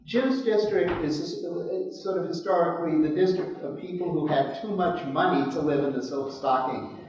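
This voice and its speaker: Man moderating in an echoey, muffled low-quality stream. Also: background noise. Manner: hesitant, many filler pauses. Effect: low-quality live stream recording. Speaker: panel moderator. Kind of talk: moderating a live conference panel. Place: conference hall. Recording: distant, echoey, muffled hall recording.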